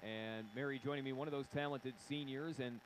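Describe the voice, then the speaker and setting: Fast-talking young male sports broadcaster. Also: mid-range voice, fairly even intonation. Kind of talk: live postgame interview. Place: indoor sports gym with bleachers. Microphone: broadcast headset. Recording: clear background noise of a gym.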